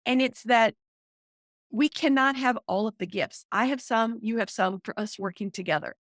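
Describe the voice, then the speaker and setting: Middle-aged woman on a podcast, excited, stressing her points, kinda high voice. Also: normal speed, no echo, studio quality. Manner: excited, emphatic explaining. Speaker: guest, author and counselor. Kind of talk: conversational podcast interview.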